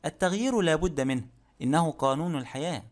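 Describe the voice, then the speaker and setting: A male reader plays a courteous, shrewd detective who asks questions gently and calmly. The voice drops a little lower and quieter than the narration. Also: fast, close to an everyday voice. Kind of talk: audiobook character reading.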